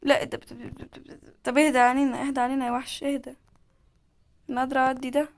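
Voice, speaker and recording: A woman with an Egyptian Arabic accent, giving excitable live gameplay commentary, exclaiming and pleading as she plays. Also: sits high, very fast. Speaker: gamer.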